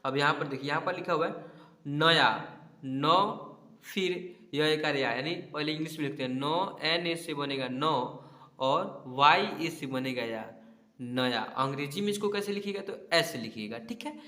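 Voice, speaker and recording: A man teaching spelling, with a bright, forceful, slightly high voice. He sounds out each word slowly, syllable by syllable, and keeps checking that his pupils follow. The room around him is echoey. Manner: slow syllable-by-syllable spelling, frequent "ठीक है?" checks. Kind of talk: spelling lesson over a screen.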